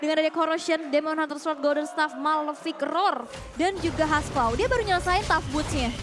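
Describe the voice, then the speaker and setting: A woman's voice: sits high, a little fast, over music, crowd noise. A woman with an Indonesian accent giving live, analytical commentary on an esports match.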